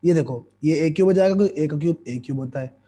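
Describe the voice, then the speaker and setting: A hoarse man teaching a math lesson, explaining each step and asking his students questions as he goes. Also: a little high, fast, warm tone.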